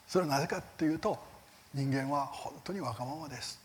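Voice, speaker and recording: A man's voice: a little fast, slight background noise. A man giving a Bible seminar lecture, earnest and emphatic, with rhetorical questions and line ends that fade to a near whisper. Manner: lively rises in pitch on key words, soft fading line ends. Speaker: Bible teacher.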